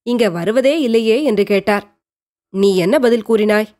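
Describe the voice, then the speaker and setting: A woman voicing a caring grown man who speaks in a hushed, reassuring way. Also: mid-range voice, moderate pace, natural voice. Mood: gentle.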